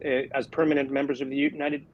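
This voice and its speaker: Brisk argumentative man on a dull line. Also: mid-range voice, flat delivery, a little hiss or hum. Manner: brisk, argumentative, trailing restarts. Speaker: opinion columnist. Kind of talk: panel discussion.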